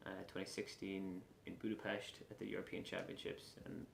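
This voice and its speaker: A man in his late twenties with a west of Ireland accent, answering casually in an interview with frequent pauses. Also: sits low, level tone, creaky. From Galway, west of Ireland. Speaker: lacrosse player being interviewed. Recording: echoey room with faint background noise.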